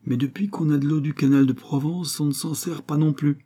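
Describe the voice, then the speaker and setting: A man's voice: a little high, steady tone, brisk, warm tone, husky, voice pushed up. A man voicing an agitated farm woman who talks coarsely and sounds exasperated, in an audiobook. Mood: matter-of-fact. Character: agitated countrywoman, farmer's niece.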